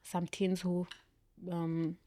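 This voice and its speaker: Reflective young woman, dark voice. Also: on the low side, completely flat delivery, extremely slow. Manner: reflective, earnest, many fillers like "like". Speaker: interview guest. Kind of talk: candid personal conversation.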